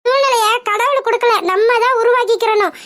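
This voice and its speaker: A woman doing a squeaky, bossy cartoon aunt. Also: fairly even intonation, fairly bright tone. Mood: stern. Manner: brisk, commanding, scolding. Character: bold protective middle-aged aunt, fierce and scolding. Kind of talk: cartoon voice acting.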